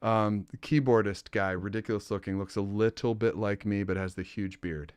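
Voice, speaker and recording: A man with a very low voice hosts a podcast, chatting casually and telling lively stories. He swears freely and breaks into laughter often. The sound is dry and close, with no room around it. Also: moderate pace, clean tone, no room sound. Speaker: podcast host. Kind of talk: casual chat.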